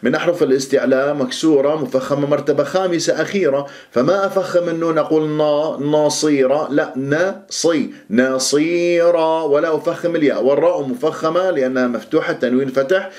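A man teaching the rules of Quran recitation. He explains each rule plainly, then recites phrases slowly and carefully to show them. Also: a little high, a little mellow. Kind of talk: tajweed lesson, explaining and reciting.

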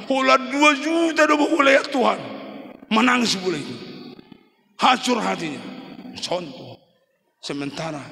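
A male pastor delivering a church sermon in short, emphatic bursts that sometimes climb to a shout. His voice sits high and bright with a gravelly rasp. Long reverb from the church hall trails every phrase.

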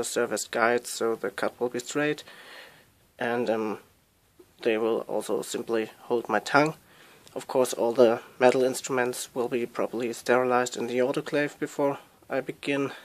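A young man explaining things in a casual handheld phone vlog, with measured, precise and rather formal wording. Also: medium pitch. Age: young adult.

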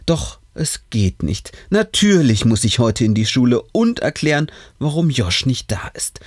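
A man reading a first-person horror story aloud in an expressive way. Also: a little high, no echo, studio quality. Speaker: story reader.

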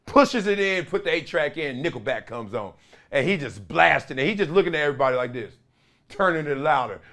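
Lively middle-aged man riffing on sports. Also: on the high side, fairly quick. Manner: storytelling, acts out quotes, gestures broadly. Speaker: sports commentary host. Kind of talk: animated sports commentary. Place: small studio room with sports memorabilia.

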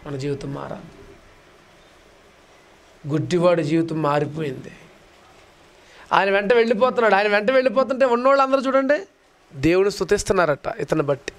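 High-voiced male preacher, dramatic sermon. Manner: dramatic, acts out voices of beggars and crowds, rhetorical questions; swings between loud high declaiming and soft low asides.

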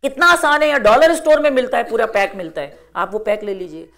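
A middle-aged woman with a slightly high voice delivers a religious talk to a gathering of women. She speaks earnestly and exhorts her listeners, repeating key phrases for emphasis. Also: fairly bright tone.

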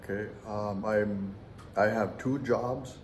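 A man's voice: on the low side, steady tone, slow. A man in his forties from Nunavut with an Inuit accent, answering interview questions conversationally. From Arviat, Nunavut, Canada. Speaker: mayor and interviewee. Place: indoor council chamber. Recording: roomy echo, background noise.

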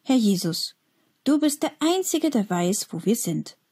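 A woman's voice: fairly high pitch, sing-song, a little slow, mellow, breathy edge, voice pushed up, heavily acted. Woman playing an earnest young boy. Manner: earnest, pleading. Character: young schoolboy, earnest, believing, hopeful.

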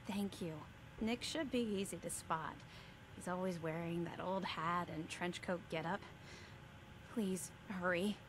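An actress playing a weary, worried and loyal detective's secretary in a video game, earnest and downcast. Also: female voice, lowish voice, measured pace, background noise, close to an everyday voice. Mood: anxious, grateful. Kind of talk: dramatic video game dialogue.

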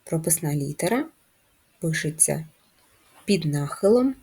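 A woman teaching a first-grade class how to write a letter, breaking words into sounds slowly and clearly. Her voice sits a little low and sounds mellow and soft-edged, with a faint huskiness. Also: expressive. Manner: slow, clear syllable-by-syllable explanations. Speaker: primary school teacher. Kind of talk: first-grade handwriting lesson.

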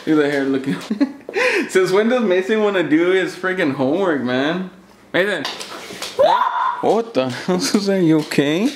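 A man's voice: high voice, animated, unhurried, background noise. A man family vlogger joking and teasing his family in casual banter. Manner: teasing, playful, says "bro" a lot.

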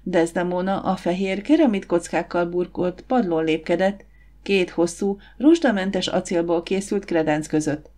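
A woman narrating an audiobook in a measured, even reading. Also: on the low side. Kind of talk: scripted narration.

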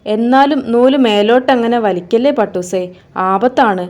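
A worried young girl, protective like an older sister, calling out anxiously and insisting, as a woman reads her out in a children's storybook. The tone stays mellow and soft. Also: on the high side, a little slow, natural voice.

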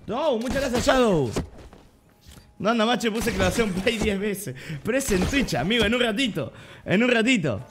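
A young Argentine man streaming a game live, chatting in slang, repeating himself and breaking into sudden loud outbursts. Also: high-pitched. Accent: Argentine Spanish. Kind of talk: live gameplay streaming chat.

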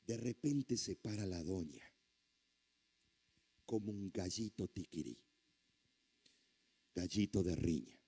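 A male pastor preaching a sermon through a lively story, with exclamations and sound effects. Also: low voice, takes it slowly, vocal fry, pauses often, slightly rough.

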